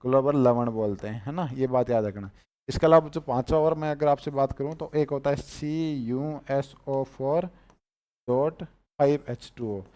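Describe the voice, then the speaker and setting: A man's voice: medium pitch, steady tone, normal speed, a little mellow. A man with a Rajasthani Hindi accent teaching chemistry, repeating each name and quizzing his students on it. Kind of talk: chemistry class lecture.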